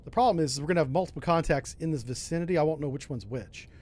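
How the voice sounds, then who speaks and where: A man's voice: fairly high pitch, racing, darkish tone. A man doing casual commentary on a submarine game, thinking aloud with mild exclamations. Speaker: gamer, host.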